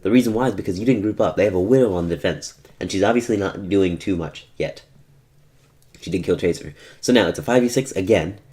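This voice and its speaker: A man's voice: low-pitched, fairly quick, a little mellow. A man giving casual commentary over his own match footage, rambling and often correcting himself as he explains. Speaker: gaming tutorial host.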